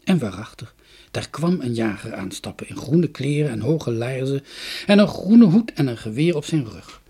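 A man reads a children's story aloud with a husky, breathy voice. His delivery is expressive and dramatic, and his pitch rises and falls widely. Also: normal speed. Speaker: narrator. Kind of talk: storybook reading.

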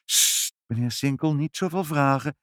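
A man voicing a brisk, knowing mother in a children's audiobook, speaking in a matter-of-fact way. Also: a little high, huge pitch swings, dry recording, clean studio sound, pitched above the performer's own voice, full character voice.

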